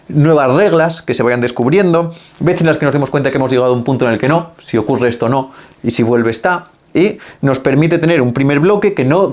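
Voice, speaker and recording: A man's voice: mid-range voice, a little mellow. Man teaching a magic routine. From Spain. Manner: thinks aloud, acts out his own questions. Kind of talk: explanatory lesson.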